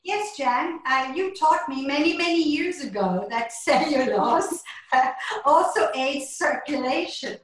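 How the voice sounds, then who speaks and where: A woman's voice: high-pitched, lively intonation, unhurried. A woman co-presenting on a video call, hesitant and agreeable with many fillers. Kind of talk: casual chat on a video call. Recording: very echoey room.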